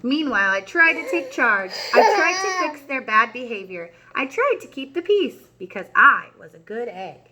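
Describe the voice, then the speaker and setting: A woman voicing an earnest, eager-to-please egg in an expressive picture-book read-aloud for young children. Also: a little high, moderate pace, few pauses. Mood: exasperated, weary.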